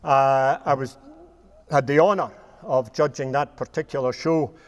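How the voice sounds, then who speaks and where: A man's voice: medium pitch, steady tone, unhurried, big-room sound, muffled recording. An older Scottish man giving a rambling, humorous talk to a live audience about his years as a cattle judge, laughing at his own jokes as he goes. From Scotland.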